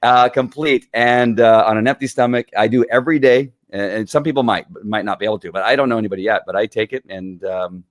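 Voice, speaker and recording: A man's voice: on the low side, fast talker, hardly any pauses, no echo, clean studio sound. A middle-aged man chatting as an interview guest, enthusiastic and rambling with many fillers. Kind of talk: casual interview chat.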